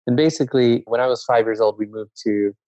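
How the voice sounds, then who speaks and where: A man from Zambia, a guest in a casual conversation, speaking in a reflective, measured way and often restarting his sentences. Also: medium pitch, warm tone, no echo. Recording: dull lo-fi dry sound.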